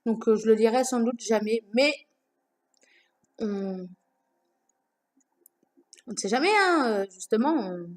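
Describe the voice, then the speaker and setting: Her voice fairly high, a young woman speaks slowly with frequent pauses while casually discussing her books to camera. She records in a room at home, and her talk is full of fillers and self-corrections.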